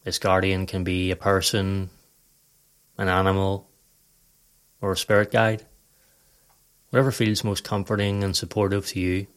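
A man with a low, clear and resonant voice narrates a scripted guided meditation. His delivery stays calm and measured, and he gives instructions in a composed, even-handed manner.

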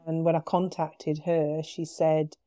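A woman with a British accent, a podcast guest, telling her story in a casual, animated way with quoted dialogue. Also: low voice, a little slow, no room sound. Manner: animated retelling with quoted dialogue, frequent laughs.

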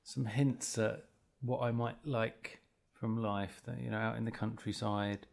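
A man co-hosting a podcast in casual chat, slow and thoughtful with dry replies. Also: fairly low pitch, fairly even intonation, vocal fry. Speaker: podcast co-host.

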